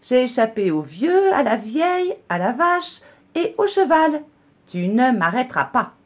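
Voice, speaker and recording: A woman doing a shrill, cocky gingerbread man. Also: big pitch swings, a little slow, full character voice. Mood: taunting. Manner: shrill, sing-song taunting chant. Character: cocky little gingerbread man, quick and mischievous.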